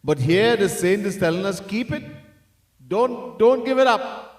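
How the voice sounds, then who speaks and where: Animated and unhurried, a man with a high-sitting voice teaches as a swami in a temple hall. He repeats his key points with earnest devotion and breaks into chanted verses in song, heard through a far-off mic in an echoey space.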